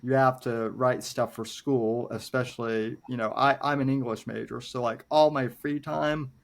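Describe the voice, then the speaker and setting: A man's voice: medium pitch, steady tone, moderate pace, gravelly. A man, hosting a casual podcast interview and speaking with hesitant, thoughtful phrasing. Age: 20s. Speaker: podcast host.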